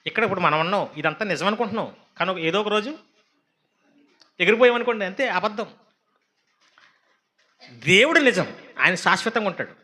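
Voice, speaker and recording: A man preaching a sermon as a pastor, animated, with mocking asides and quoted voices. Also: high voice, brisk, pauses often.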